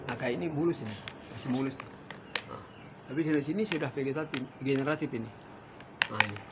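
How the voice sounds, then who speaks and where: Gravelly-voiced farmer teaching outdoors in the orchard, faint background noise, talks straight to viewers. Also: male voice, fairly high pitch. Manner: addresses viewers as fellow farmers, explains while pointing. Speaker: durian farmer. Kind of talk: farming tutorial.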